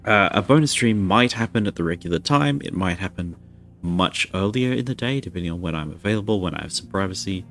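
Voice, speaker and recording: A man's voice: low voice, lively intonation, fairly quick, fairly bright tone, faint music behind. A man streaming a video game live, chatting casually and rambling to his viewers. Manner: rambling, chatty, self-deprecating.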